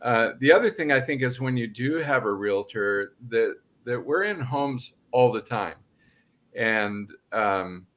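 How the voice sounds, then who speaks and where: A man's voice: mid-range voice, expressive, measured pace, a bit bright. An older man co-hosting a real estate podcast, talking earnestly and casually with a Pacific Northwest American accent. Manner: earnest, agreeable, short affirmations. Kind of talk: casual chat.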